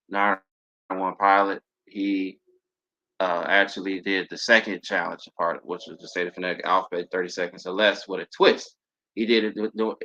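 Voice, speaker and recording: Hosting an aviation channel livestream, a man in his thirties talks casually and rambles, peppering his speech with fillers and restarts. His voice is deep, pushed and bright, and the stream audio is dull and lo-fi.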